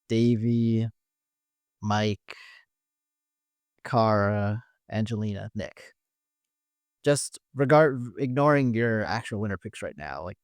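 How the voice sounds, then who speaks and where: A man's voice: mid-range voice, smooth, no echo, studio quality. A man co-hosting a podcast, leading a casual recap chat and often restarting his phrases. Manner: leads the discussion, restarts phrases. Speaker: podcast co-host.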